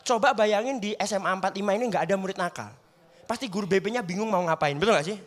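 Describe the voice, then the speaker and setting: A young man performs chatty stand-up comedy on a studio stage with a live crowd, always asking the audience if they agree. His voice sits high, he talks fast, and background noise can be heard.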